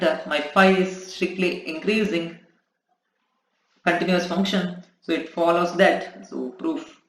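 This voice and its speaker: Slow man dictating in short phrases. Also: fairly high pitch, fairly bright tone, slight background noise. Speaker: mathematics lecturer. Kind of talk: maths lecture dictated while handwriting. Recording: echoey room.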